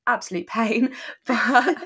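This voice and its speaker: A woman's voice: a little high, steady tone, slow pace, fairly bright tone, breathy edge. A young woman, a semi-pro fighter, answering interview questions enthusiastically, with plenty of "I mean" fillers. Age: young adult.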